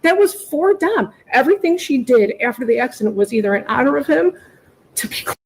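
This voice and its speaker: A mother in court pleads for her daughter with brisk, high-voiced urgency, her lively intonation carrying a breathy edge. The middle-aged woman speaks without a script, emphatic and repeating herself, and the audio is poor.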